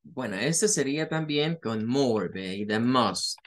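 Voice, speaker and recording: Slow, patient male English teacher. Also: mid-range voice, animated. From Latin America. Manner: patient, explains step by step, repeats words slowly for pronunciation. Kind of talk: recorded online lesson.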